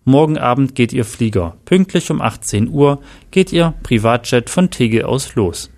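A man's voice: medium pitch, animated, normal speed, a little mellow, natural voice. A man voicing a stern male police chief in a read-aloud story, formal and emphatic. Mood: insistent.

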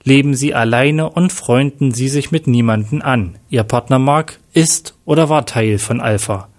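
A man's voice: medium pitch, moderate pace, natural voice. A man voicing a worried former police superintendent leaving an urgent voicemail warning. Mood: grave.

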